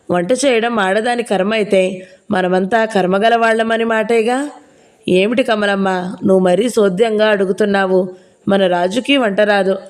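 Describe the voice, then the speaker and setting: A woman's voice: mid-range voice, close to an everyday voice. A woman playing a nosy older village gossip. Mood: gossipy. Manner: prying, scolding, gossipy. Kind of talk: audiobook character reading.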